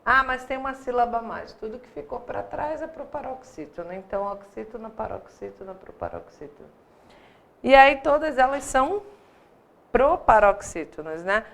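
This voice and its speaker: A woman with a Brazilian Portuguese accent teaches a live online grammar class in a fairly high, animated voice at normal speed. Her style is conversational, full of rhetorical questions, and she often asks "né?"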